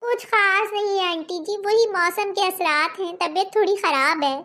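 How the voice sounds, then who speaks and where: A woman playing a young married woman who complains sharply and quick-wittedly, in a comedy skit. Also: very high voice, fairly bright tone. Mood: weary.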